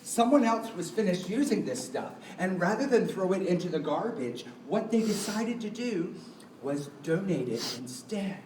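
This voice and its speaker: This man's voice sits high, with lively intonation, a moderate pace, and a slightly mellow quality. He's a puppeteer playfully kicking off a live show for kids and quizzing his audience, recorded in an echoey room on a distant mic with music behind and slight background noise.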